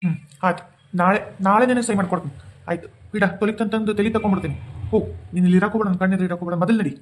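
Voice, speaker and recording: Bitter cartoon husband with a north karnataka accent, high voice, rattling it off fast, a man voicing him. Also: steady tone, a little hiss or hum, natural voice. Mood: resigned. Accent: North Karnataka Kannada. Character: young husband and son, disgusted and hurt.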